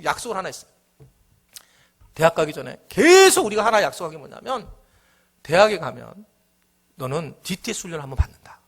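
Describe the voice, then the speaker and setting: A middle-aged man preaching to his church, his voice sitting high and swinging widely in pitch. He is animated, slipping into the worried voices of his listeners before answering them. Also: brisk, long pauses. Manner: animated, acts out the congregation's worries in their own voices. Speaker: pastor. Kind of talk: midweek church sermon.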